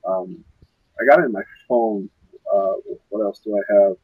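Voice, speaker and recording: Young male co-host, low husky voice, dry close sound, rambling and hunting for words. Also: normal speed, no room sound, phone-quality sound. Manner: rambling, searching for words with many fillers. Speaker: podcast co-host. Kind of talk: casual gaming podcast chat.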